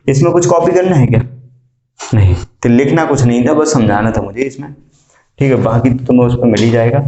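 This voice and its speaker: A male math teacher lecturing a classroom, quizzing students and repeating key statements slowly. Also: medium pitch, darkish tone. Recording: echoey classroom.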